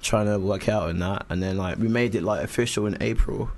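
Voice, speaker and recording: A man's voice: fairly low pitch, a little fast, a little mellow. A young man with a London accent chatting casually as a radio guest, in slangy, hedging phrases. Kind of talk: casual chat.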